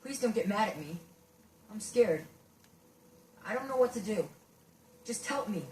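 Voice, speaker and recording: A woman's voice: mid-range voice, animated, unhurried, darkish tone, natural voice. A woman voicing a frightened young boy who pleads for help in a video game, heard as roomy, distant game audio with faint hiss. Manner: pleading, panicky.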